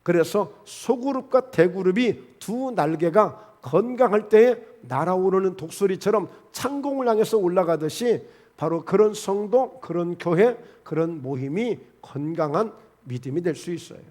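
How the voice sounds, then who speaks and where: A male pastor preaching a midweek sermon in a church, talking plainly to the congregation with many rhetorical questions and quick shifts between loud, emphatic lines and soft asides. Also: high-pitched, expressive. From South Korea. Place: church sanctuary.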